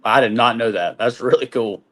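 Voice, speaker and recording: A man co-hosting a casual podcast interview who reacts with enthusiastic, quick exclamations. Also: medium pitch, fairly bright tone. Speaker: podcast co-host.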